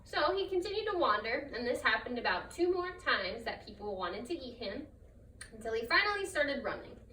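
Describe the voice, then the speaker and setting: A woman's voice: a little high, big pitch swings, normal speed, bright, forceful tone. A woman storyteller narrating a trickster folktale in her own improvised words. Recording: roomy, distant mic, faint noise.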